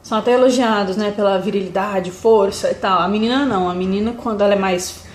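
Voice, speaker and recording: Gentle Brazilian mother in echoey room. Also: mid-range voice, fast. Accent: Brazilian Portuguese. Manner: gentle and reflective, with frequent fillers and restarts. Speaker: mother sharing parenting advice. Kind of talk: casual talk to camera.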